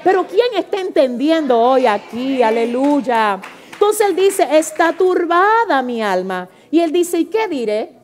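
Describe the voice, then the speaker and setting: A woman preaching a fervent sermon, swinging between loud exclamations and soft pleading, calling out to her congregation. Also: high voice, big pitch swings, measured pace. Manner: calls out to the congregation, asks for responses. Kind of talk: Pentecostal-style sermon.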